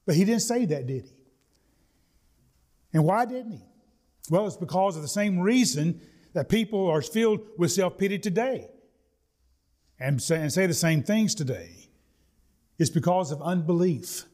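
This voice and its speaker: A man preaching a sermon, reading scripture and telling folksy stories with slow, deliberate emphasis. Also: high-pitched, animated, a little mellow.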